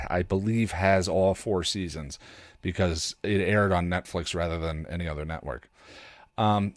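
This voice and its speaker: A podcast host with a lowish male voice chats casually about shows worth streaming, rambling enthusiastically and thinking aloud as he recommends them. The recording is dry, with clean studio sound.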